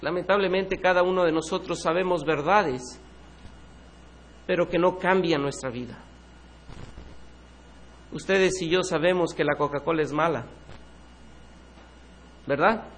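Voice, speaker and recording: A man's voice: on the high side, a little slow, long pauses. A man preaching a Sunday morning sermon in a church, earnest and asking his congregation searching questions. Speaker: pastor.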